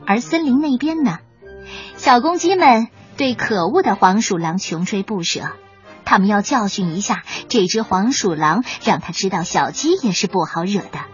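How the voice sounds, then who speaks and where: Animated woman reading a children's story. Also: mid-range voice, normal speed. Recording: dull lo-fi with faint music.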